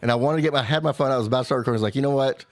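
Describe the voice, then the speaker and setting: A man co-hosting a chat show, telling a long, animated travel story in a casual way. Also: rapid-fire, no room sound. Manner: animated storyteller, mimics a screaming child in high squeals. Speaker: podcast co-host.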